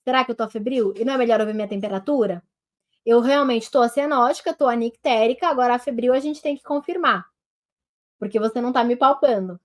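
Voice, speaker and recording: A Brazilian woman doctor teaching telemedicine gives an online lesson with a Brazilian Portuguese accent, speaking fast in a high voice made a bit nasal by a head cold. Lively and hands-on, she addresses her viewers directly as a group while demonstrating on herself. The audio comes through a simple webcam.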